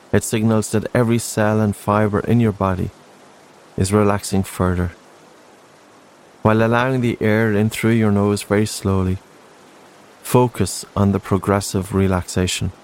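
A man narrating a guided relaxation in a slow, soothing sleep-story manner, gentle and unhurried, with spaced-out phrases. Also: fairly low pitch, slight background noise, poor audio.

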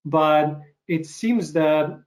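A man interviewing a guest on a video call, rambling and self-deprecating, with frequent halting restarts. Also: fairly high pitch. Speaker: interviewer host. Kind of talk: casual interview chat.

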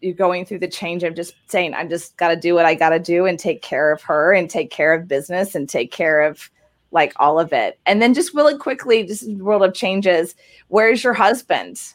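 Upbeat woman hosting a video-call interview. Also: fairly low pitch. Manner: upbeat, encouraging, talks in long quick runs. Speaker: podcast host. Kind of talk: casual interview chat.

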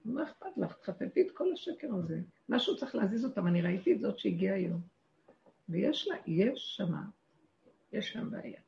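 A woman giving a religious talk to a group, passionate and animated, asking rhetorical questions and shouting out quoted lines. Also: mid-range voice, vocal fry. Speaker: spiritual teacher. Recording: echoey lo-fi room recording.

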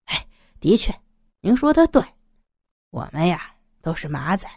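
A woman voicing a hot-tempered, scarred young male gang underling who talks in a placating or blustering way, with lively pitch in a dry recording. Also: a little slow, husky, dry recording, exaggerated voice.

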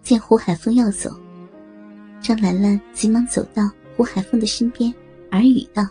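A woman narrating a story in a steady, matter-of-fact reading voice. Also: on the high side, normal speed, soft background music.

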